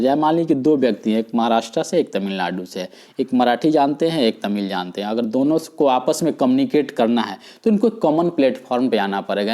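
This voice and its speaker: A man's voice: mid-range voice, dark tone, poor audio. A middle-aged man teaching a recorded lesson on communication skills, explaining points step by step with everyday examples and slipping English terms into his Hindi.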